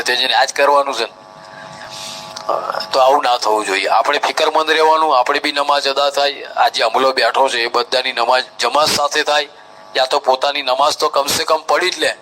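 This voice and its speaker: Bright-voiced Gujarati man giving instructions. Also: mid-range voice, slight background noise, rough recording. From India. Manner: instructive, step-by-step, mimics crowds. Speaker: Hajj trainer. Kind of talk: live training talk.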